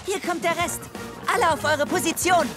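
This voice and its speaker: A woman voicing a confident, energetic young boy superhero in a cartoon, with emphatic delivery. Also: very high voice, moderate pace, loud music behind the voice. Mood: determined. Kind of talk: German cartoon dub acting.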